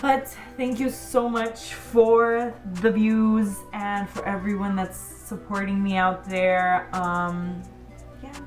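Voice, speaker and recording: A woman's voice: medium pitch, level tone, takes it slowly, soft background music. A woman beauty vlogger talking viewers through a makeup tutorial in a chatty, informal way, as if to friends. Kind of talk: casual makeup tutorial chat.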